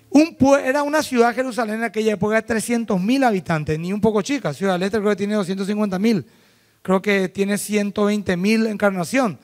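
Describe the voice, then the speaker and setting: Animated high-voiced male pastor. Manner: animated, acts out quick mock dialogues. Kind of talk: sermon.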